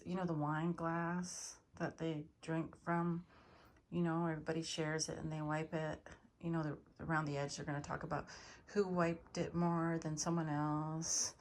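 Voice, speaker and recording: Slow-talking woman cooing to pets. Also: lowish voice. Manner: affectionate cooing pet talk mixed with rambling asides. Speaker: pet vlogger. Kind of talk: casual chat to her cats. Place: indoors at home. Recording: noticeable background noise, home video.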